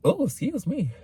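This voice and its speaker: A man's voice: very high-pitched, warm tone, slightly rough, low-quality recording. A young man in his twenties venting in a casual vlog rant, rambling with fillers and swearing freely. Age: 20s. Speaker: vlogger.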